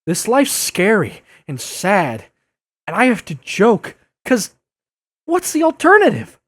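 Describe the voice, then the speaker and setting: A man playing a youthful, earnest masked superhero in an audio drama, speaking with emotional, imploring and halting delivery. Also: high voice, wildly swooping pitch, fairly bright tone, husky, dry recording, heavily acted. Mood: defensive, animated. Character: youthful earnest masked superhero, joking but pleading and wounded.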